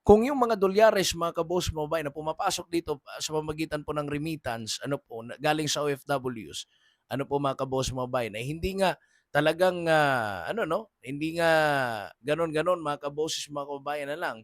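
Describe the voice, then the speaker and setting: Guy doing a political commentary monologue, earnest and polite, kinda high voice, dry no-room sound. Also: fairly quick, dry recording. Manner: earnest, repeatedly addresses listeners, polite and deferential.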